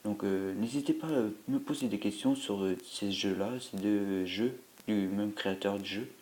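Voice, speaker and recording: A lowish, slightly mellow male voice at normal speed narrates a mobile game. The speaker, tired after a sleepless night and stuffy with a cold, rambles and hesitates, with lots of filler sounds.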